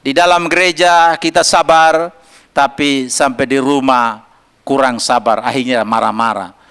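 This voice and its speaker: Gravelly-voiced man preaching with jokes. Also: medium pitch, unhurried. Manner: jokey, breaks into song, lively preaching. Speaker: pastor. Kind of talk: sermon. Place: church service.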